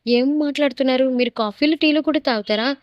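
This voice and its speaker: A woman's voice: sits high, a little fast, dry recording, dull audio, lightly acted. A woman voicing a spirited young village girl, a student, who scolds sharply and indignantly.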